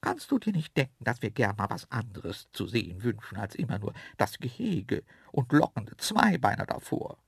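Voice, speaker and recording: A storyteller voicing two cheeky, teasing invisible antelopes in a high, sly, whispery voice. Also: wildly swooping pitch, normal speed, gravelly, few pauses, husky, no echo, clean studio sound, exaggerated voice. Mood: whispering. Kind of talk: audiobook storytelling.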